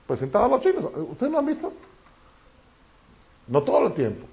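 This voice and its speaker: A man preaching a sermon, often asking the congregation questions. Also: fairly high pitch. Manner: animated, asks the congregation questions.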